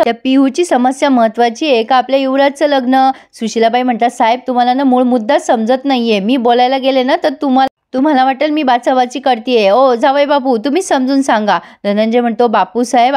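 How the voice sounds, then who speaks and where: A woman narrating a TV serial recap to her viewers, retelling each character's lines herself in a lively storytelling way. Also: high voice. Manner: retells dialogue in character, addresses viewers directly.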